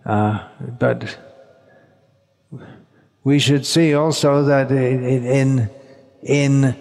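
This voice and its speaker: A man giving a measured religious lecture in short phrases, pausing and repeating words while an interpreter follows. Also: medium pitch, darkish tone. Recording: long hall reverb.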